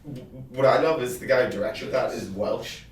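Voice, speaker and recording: A man's voice: mid-range voice, brisk, slight background noise. Male podcast co-host, casual and emphatic, echoey, slightly off-mic. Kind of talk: casual chat. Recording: roomy, distant microphone.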